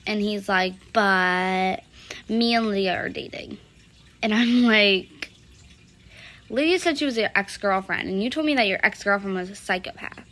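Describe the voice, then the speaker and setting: Young woman, bright and sharp voice, rambling casual storytime narration with heavy fillers. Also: medium pitch, moderate pace. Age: young adult. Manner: rambling, valley-girl fillers, quotes others loosely.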